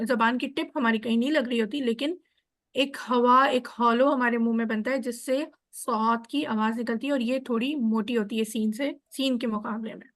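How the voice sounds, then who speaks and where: A woman's voice: on the high side, fairly bright tone. A woman giving an online lesson on Arabic letter sounds, explaining patiently step by step over a video call. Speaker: Quran teacher.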